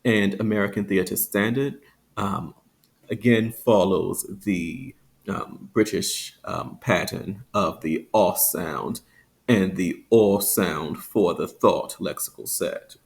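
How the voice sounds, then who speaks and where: A man teaching a phonetics lesson, explaining with fillers and stretching out example words slowly. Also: low-pitched, gravelly. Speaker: accent teacher.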